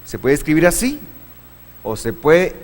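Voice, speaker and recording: A man teaching a church class, patient, asking the room questions, with many halting restarts. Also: a little high, very animated. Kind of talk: classroom lesson on Hebrew vowels. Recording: long hall reverb.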